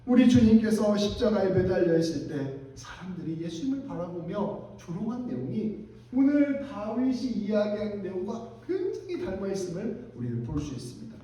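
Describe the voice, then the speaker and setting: A man's voice: sits high, dark tone. A male pastor preaching a sermon, dramatically acting out the mocking voices of onlookers. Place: church sanctuary. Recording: echoey church hall, far from the mic.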